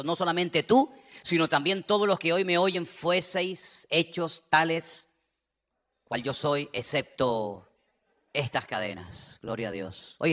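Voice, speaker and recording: Hombre predicador de voz aguda y brillante. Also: male voice. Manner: impassioned preaching, rising to loud exhortation and dropping low. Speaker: pastor. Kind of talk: sermon.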